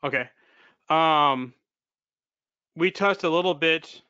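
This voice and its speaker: A man presenting a technical webinar, halting with many ums, while his microphone audio cuts in and out and the volume keeps jumping. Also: a little high, pushed and bright, clean tone. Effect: microphone audio cutting in and out, uneven volume. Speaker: webinar presenter, solutions architect. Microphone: computer microphone on a web call. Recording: dull, lo-fi web call audio.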